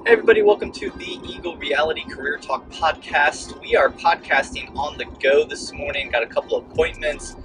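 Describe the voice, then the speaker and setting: A middle-aged man hosting a casual coaching podcast on the go, talking in a halting, rambling way with emphatic repetition, through a poor cheap mic. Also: a little high. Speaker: podcast host, real estate broker. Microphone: low-quality portable mic. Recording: poor cheap mic sound, faint music.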